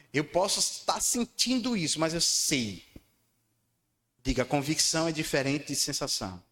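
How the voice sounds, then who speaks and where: A man preaching a sermon, asking his congregation to repeat lines back to him. He swings between loud, high declarations and low, quiet lines. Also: very animated, normal speed, long pauses, a little hiss or hum. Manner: emphatic, calls for congregation responses. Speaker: pastor. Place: church hall. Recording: long church hall reverb.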